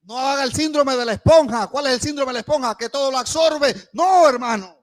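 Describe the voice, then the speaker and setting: High-pitched impassioned male preacher. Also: brisk. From Panama. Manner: preacher swinging between loud calls and hushed asides, acting out quoted voices. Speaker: pastor. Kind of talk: sermon. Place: church.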